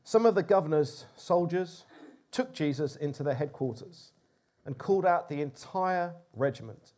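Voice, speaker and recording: Man, preacher, high voice, animated sermon delivery. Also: moderate pace. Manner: expressive, animated, with rising emphasis.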